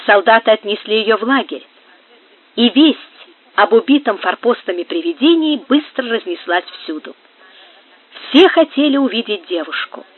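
Narration on a tinny phone-like line. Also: mid-range voice. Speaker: audiobook reader. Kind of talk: scripted narration of a novel.

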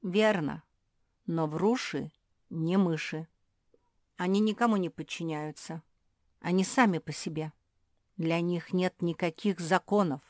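Give me a woman reading a somber, calm male bat who is king of the mice, in a slow storybook voice. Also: fairly low pitch, no echo, studio quality, natural voice. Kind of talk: audiobook reading.

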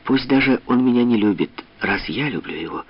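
A man voicing a proud, passionate young woman who speaks softly, quietly and firmly, on a dull lo-fi audiobook recording. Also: mid-range voice, lively intonation, brisk, voice pushed up, close to an everyday voice. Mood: calm defiant.

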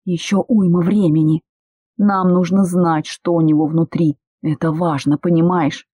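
A woman's voice: unhurried, breathy edge, no echo. Reader voicing a frantic young medic woman. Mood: pleading. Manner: shrill, excited outbursts. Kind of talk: audiobook character voice.

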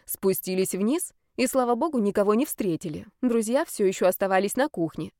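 A woman's voice: medium pitch, animated, a little fast, warm tone, no echo. Woman reading a story, dry sound. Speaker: audiobook narrator. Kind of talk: first-person storybook narration.

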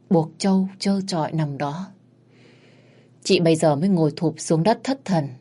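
A woman's voice: fairly low pitch, dark tone. A woman narrating an emotional story expressively. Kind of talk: dramatic audio story narration.

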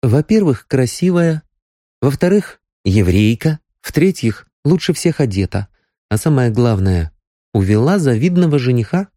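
A man's voice: medium pitch, big pitch swings, measured pace, mellow, no echo, clean studio sound, voice pushed up. A man voicing a jealous, hot-tempered young woman, bitter and tearful.

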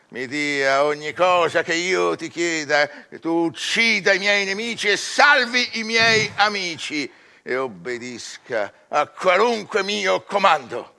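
In a radio drama, an actor plays a proud scholar bargaining his soul with the devil, declaiming theatrical verse that swells and drops dramatically. His exaggerated voice is high and sharp, with vocal fry.

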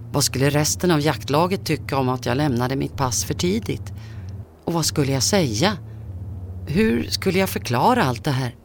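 A man tells a creepy first-person story as scripted narration. His delivery is tense and measured, in a voice that sits a little high for a man. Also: slight background noise.

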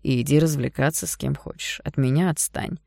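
A cold, arrogant young man in an audiobook, curt and slowly threatening, voiced by a woman reading. Deep, dark and gravelly, with a dry, close sound. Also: no room sound. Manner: curt, menacing, low and slow.

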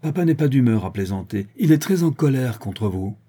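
A man voicing a firm, sharp-tongued young woman. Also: mid-range voice, lively intonation, brisk, husky.

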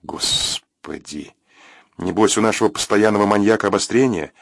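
A man voicing a sharp-tongued young woman radio host, chatty and teasing, with a lively pitch. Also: moderate pace, no room sound, clean studio sound. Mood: annoyed.

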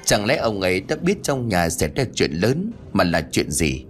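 Expressive male ghost story narrator. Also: low-pitched, moderate pace, faint music behind.

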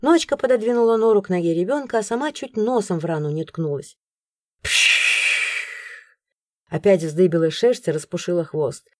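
A woman narrating a first-person audiobook in an expressive storytelling manner. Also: fairly low pitch, moderate pace, pauses often, no room sound, clean studio sound.

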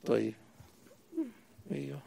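A man's voice: measured pace, mellow. A man explaining a grammar poem to a student, quizzing and correcting him as he goes. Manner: asks the student questions and corrects answers. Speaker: sheikh teaching Arabic grammar.

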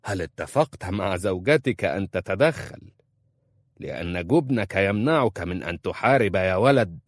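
A scornful older uncle from a desert tribe, mocking his nephew in a deep, very low voice, as a man reads him in a storybook. The sound is close and dry. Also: animated, moderate pace, dry recording.

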